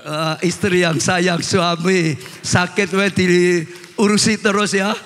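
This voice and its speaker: A man's voice: high voice, takes it slowly. A man, a pastor preaching to his congregation, joking and often turning to them directly. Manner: animated and joking, addresses the congregation as "saudara". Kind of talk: sermon. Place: church hall. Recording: reverberant church hall.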